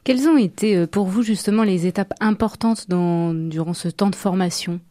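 Mellow-voiced woman radio interviewer. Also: fairly low pitch, normal speed, dry recording, studio quality.

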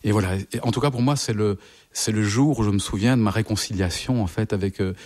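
A middle-aged man from France, a psychologist guest, recounting his life slowly and reflectively while searching for his words. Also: on the low side, a little mellow. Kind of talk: personal interview testimony.

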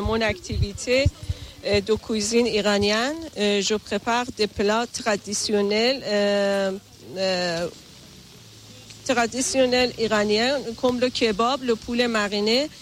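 Slow, careful Iranian woman caterer. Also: medium pitch, steady tone, a little hiss or hum. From Iran. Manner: slow, careful, hesitant with fillers. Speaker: caterer interviewee.

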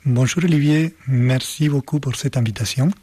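Husky man. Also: medium pitch, warm tone. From Argentina. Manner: slow, halting, searching for words. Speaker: guest composer and performer. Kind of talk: radio interview.

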